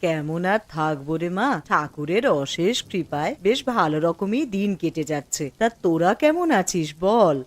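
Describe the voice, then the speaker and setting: A woman's voice: fairly low pitch, animated, normal speed, few pauses, natural voice. A woman voicing an affectionate old grandmother in a cartoon, with homely talk. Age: older. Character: old grandmother, warm and pious. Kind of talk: cartoon voice acting.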